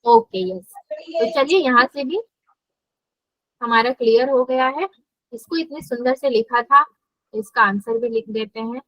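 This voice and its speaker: A young woman teaches a live math lesson in a high, bright-pitched voice. The sound is close and dry. She slips English terms into her explanations and keeps asking the students questions. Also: measured pace, pauses often, no echo, highs cut off. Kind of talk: live online class lecture.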